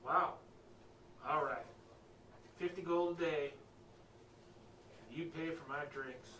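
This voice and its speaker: Boisterous, folksy female tiefling mercenary male player for tabletop role-play; forceful, lively, roomy sound. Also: a little high, slow. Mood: bargaining. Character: brash, flirty female tiefling mercenary with big appetite. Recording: echoey room, distant mic, faint noise.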